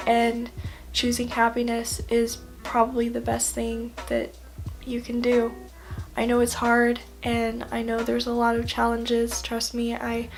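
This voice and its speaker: Young woman vlogger, cold-roughened voice, slightly high and monotone, sincere pep talk. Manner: earnest, affectionate encouragement. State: sick, hoarse voice. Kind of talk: motivational talk to camera.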